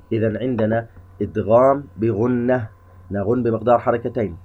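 A man teaching Quran recitation rules step by step, explaining each rule methodically before drawing out the examples slowly. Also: mid-range voice, mellow. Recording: dull lo-fi recording.

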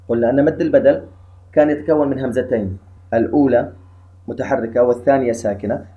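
Methodical man teaching in a mellow voice. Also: medium pitch, muffled recording. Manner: methodical, repeats each step, chants verses slowly. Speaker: Quran recitation rules teacher. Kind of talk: slow explanatory lesson.

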